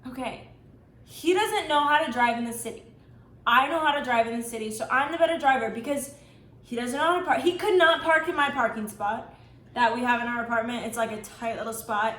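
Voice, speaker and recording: A woman's voice: on the high side, a little fast, fairly bright tone. A young American woman in her twenties chatting casually as co-host of a couple's Q&A, giggly and tipsy. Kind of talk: casual chat. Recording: roomy echo, faint background noise.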